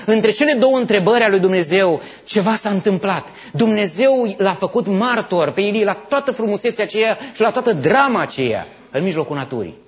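A man preaching a sermon, swinging between hushed asides and loud emphatic passages. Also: high voice, lively intonation, few pauses. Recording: dull lo-fi sound.

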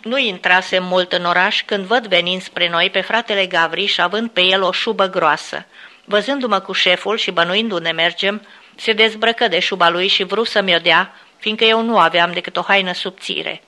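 Bright-voiced woman reading a memoir. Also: fairly low pitch. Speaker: narrator. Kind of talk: memoir read aloud.

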